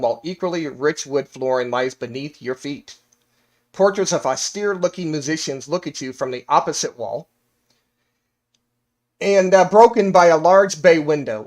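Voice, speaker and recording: Game master, male, slightly high voice, measured scene-setting narration for a fantasy campaign.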